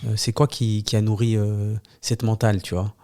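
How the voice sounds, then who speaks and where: A man's voice: on the low side, level tone, normal speed, dark tone. A man hosting a podcast, asking questions with lots of fillers and encouraging agreement. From Switzerland. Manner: encouraging, frequent backchannel ouais, hesitant fillers. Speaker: podcast host. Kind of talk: casual interview chat.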